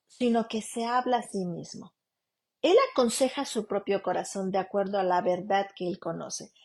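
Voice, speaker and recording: A woman's voice: medium pitch, a little mellow. A woman preaching a radio sermon, earnestly asking her listeners direct questions and calling them beloved sister. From broadcasting from Canada. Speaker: lawyer and radio program preacher.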